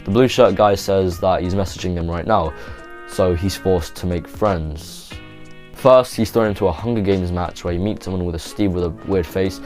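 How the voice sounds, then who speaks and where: A man's voice: sits low, moderate pace, darkish tone, soft background music. A man narrating a YouTube video in a casual, rambling, offhand way, full of "like" and restarts. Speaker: YouTube host.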